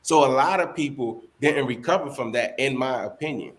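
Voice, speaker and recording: A man of Dominican background, born in the United States, speaks at a moderate pace in a medium pitch. He is a guest in a casual interview, answering in an easygoing, hedging way with plenty of fillers.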